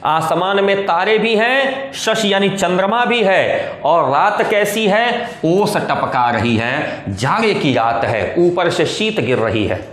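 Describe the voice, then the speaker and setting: A man teaching Hindi poetry, reciting the verses slowly and then explaining them with quick asides and questions to the class. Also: high-pitched, sing-song, a bit bright, echoey room.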